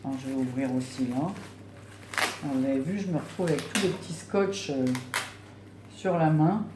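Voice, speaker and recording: A woman's voice: sits low, moderate pace, background noise. Effusive woman in a roomy home. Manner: effusive, exclaiming with delight, many fillers. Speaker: vlogger unboxing gifts. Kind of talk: casual unboxing chat. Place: home room.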